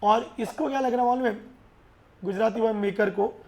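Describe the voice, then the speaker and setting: High-voiced man lecturing a class. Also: moderate pace. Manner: lively, keeps urging the class to answer; mixes English terms into his speech. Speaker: teacher.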